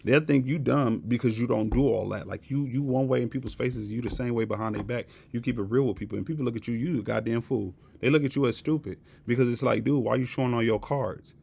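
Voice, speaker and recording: A man with a gravelly, creaky voice at an ordinary pitch vents in an unscripted monologue. He is blunt and profane, hammering each point home through repetition. It sounds like casual talk straight to camera. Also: fast, few pauses, mellow. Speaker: vlogger.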